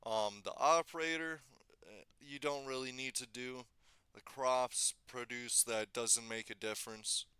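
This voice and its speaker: Bright-voiced man walking through software. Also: medium pitch, measured pace, clear, resonant tone, dry recording. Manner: relaxed, thinks aloud, corrects himself mid-step. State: slightly losing his voice. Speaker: tutorial maker. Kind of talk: casual screen-recorded software tutorial.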